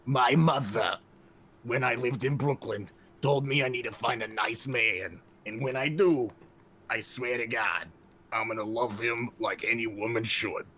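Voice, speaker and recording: Roz, a man doing a slow, stern monster clerk. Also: mid-range voice, pushed and bright, a little hiss or hum. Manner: slow, drawn-out, barking delivery.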